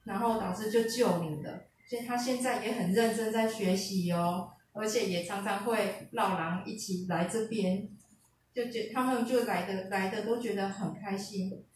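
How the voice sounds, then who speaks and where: A woman's voice: medium pitch, steady tone, normal speed, a little mellow, recorded from a distance. A woman telling a personal story at a seminar in a casual way, often slipping into quoted dialogue. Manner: retells conversations, switching into quoted dialogue. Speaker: speaker sharing a personal testimony at a seminar. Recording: echoey hall picked up from afar, faint hiss.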